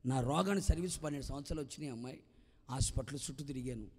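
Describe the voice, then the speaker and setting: A man voicing a weary, long-sick woman who speaks in a low, subdued, lamenting way. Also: very fast, darkish tone, lightly acted. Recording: long hall reverb.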